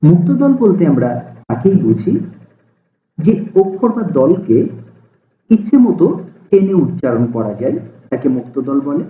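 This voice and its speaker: A man teaching a lesson, explaining slowly and deliberately, stretching out sample syllables to show how they sound. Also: fairly high pitch, sing-song. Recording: tinny, echoey phone-like sound.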